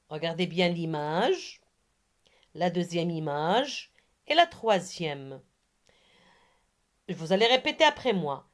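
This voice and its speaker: Slow-speaking woman teaching young children. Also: medium pitch. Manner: slow, syllable by syllable, has pupils repeat after her; encouraging. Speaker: primary school teacher. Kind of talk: reading lesson for young children.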